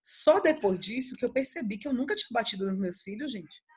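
Woman, husky, fairly high-pitched, casual storytelling, animated. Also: a little fast. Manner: animated, acts out her children's voices. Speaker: podcast co-host.

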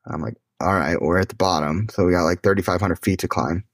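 A man telling an adventure story in a casual, excitable way, swearing and saying "dude" often, as an interview guest. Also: deep voice, fast, no echo, clean studio sound.

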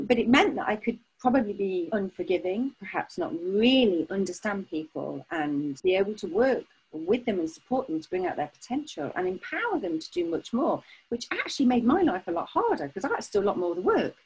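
Husky, frank woman. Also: mid-range voice, fairly quick, few pauses, poor audio. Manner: emphatic, animated, frank. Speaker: guest. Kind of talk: candid personal storytelling.

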